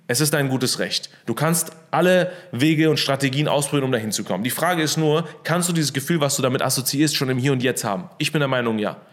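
A man's voice: medium pitch, quick pace, few pauses. A young man hosting a casual motivational talk from his apartment into a studio microphone, upbeat, with English phrases mixed into his speech. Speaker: host.

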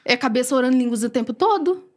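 A Brazilian woman telling a personal faith story as a podcast guest, animated and acting out quoted dialogue. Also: sits high, rapid-fire. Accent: Brazilian Portuguese.

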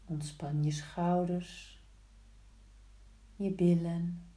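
A woman guiding a yoga practice slowly, in a soft, soothing, hushed voice with long pauses between short instructions. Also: lowish voice, level tone. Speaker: yin yoga teacher. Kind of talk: slow guided yoga instruction. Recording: roomy, echoing sound.

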